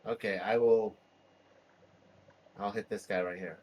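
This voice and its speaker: Slow, easygoing man player. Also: on the low side, fairly even intonation, darkish tone, a little hiss or hum. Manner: hesitant, easygoing. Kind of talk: casual game chat.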